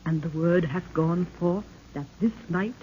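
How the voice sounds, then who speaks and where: This old-time radio serial, heard through muffled, noisy audio, features a woman voicing a regal African queen. She speaks unhurriedly in a warm, lowish, lightly acted voice, delivering solemn, archaic declamations with a grave, foreboding mood.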